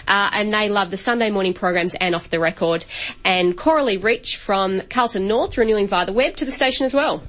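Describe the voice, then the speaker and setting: A woman's voice: medium pitch, brisk, a bit bright. A woman co-hosting a science show, talking casually and conversationally on live radio.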